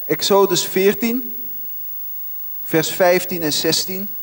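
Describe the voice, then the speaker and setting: A man's voice: high-pitched, takes it slowly. A man preaching a sermon in a church, impassioned and emphatic, rising into pleading questions. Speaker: pastor. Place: large church hall. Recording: church hall reverb.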